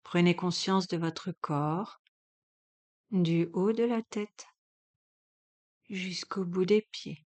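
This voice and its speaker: A woman with a lowish voice works as an instructor guiding a yoga relaxation. She gives calm, measured instructions and leaves long pauses between them.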